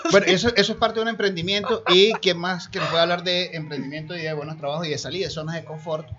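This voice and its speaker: Venezuelan male radio host, fairly high voice, rambling casual chat, dull lo-fi sound. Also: steady tone, fast, sharp tone. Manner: rambling, with restarts and laughs.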